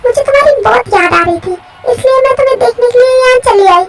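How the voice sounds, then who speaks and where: A woman voicing a whiny, clingy, scheming young woman who pleads in a high voice. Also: quick pace. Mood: pleading. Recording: faint music behind.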